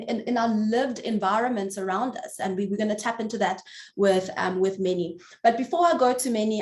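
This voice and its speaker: South African woman moderating, echoey room. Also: medium pitch. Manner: halting, with restarts and fillers. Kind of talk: moderating a panel webinar.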